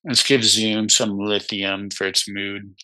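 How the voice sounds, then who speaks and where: A man's voice: lowish voice, flat delivery, takes it slowly, pushed and bright, no room sound, rough recording. A man co-hosting a podcast over a video call, chatting casually with dry, offhand quips. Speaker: podcast co-host. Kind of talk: casual chat.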